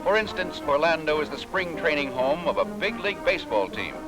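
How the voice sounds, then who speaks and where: Lively vintage newsreel narrator, man. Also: fairly high pitch, fairly quick, low-quality recording. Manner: upbeat promotional tone. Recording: narration over loud music.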